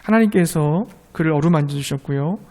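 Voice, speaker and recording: Male pastor, high voice, gentle sermon delivery building to fervent appeals. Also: a little fast.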